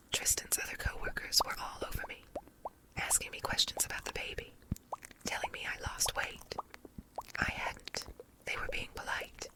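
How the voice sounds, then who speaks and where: Woman in a doubled, layered whisper. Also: poor audio. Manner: soft unvoiced whisper throughout. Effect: layered, doubled whisper track. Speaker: story narrator. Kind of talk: whispered ASMR story reading.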